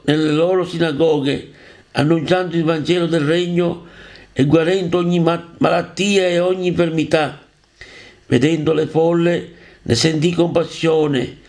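Man haltingly reading scripture aloud. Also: a little high, a little mellow. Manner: earnest, halting, often stumbling and restarting words.

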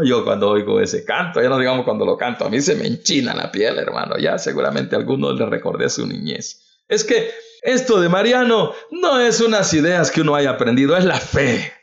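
Speaking on a livestreamed devotional, this Salvadoran man preaches with fervor, his pitch lively and his voice gravelly. He keeps addressing his audience as "brother" and returns again and again to rhetorical questions, all captured in a dull lo-fi recording.

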